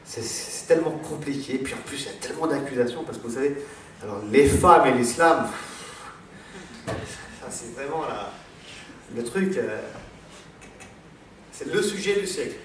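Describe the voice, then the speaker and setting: In a large, echoey hall, a French man gives a rambling religious lecture full of digressions, fillers and repeated words. His mid-range voice is expressive and a bit bright, a little slow, with frequent pauses. The recording catches him from far off, with faint ambience and a slight hiss or hum.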